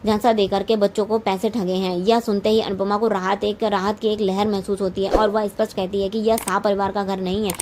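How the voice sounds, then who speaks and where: A woman's voice: mid-range voice, flat delivery, fairly quick, hardly any pauses, background noise. A woman narrating a TV serial recap, often stumbling and correcting herself mid-sentence. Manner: frequent restarts and self-corrections.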